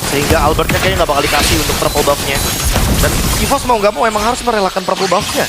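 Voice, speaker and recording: A man's voice: high voice, rapid-fire. An Indonesian man giving analytical live commentary as an esports caster. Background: music.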